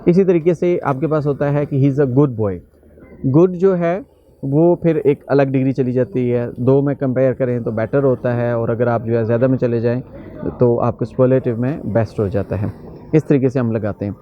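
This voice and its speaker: A man giving a grammar lecture as an English teacher, explaining step by step and slowing down to say the English example sentences. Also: medium pitch, muffled recording, a little hiss or hum. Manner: mixes English examples into explanation, slows for English phrases.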